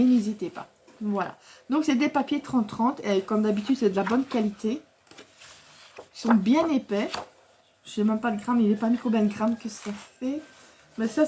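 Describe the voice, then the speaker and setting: A woman's voice: fairly high pitch, dark tone, slight background noise. A woman vlogging casually to camera about her craft haul, rambling and chatty, with many fillers, restarts and frequent laughs. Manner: laughs often while talking.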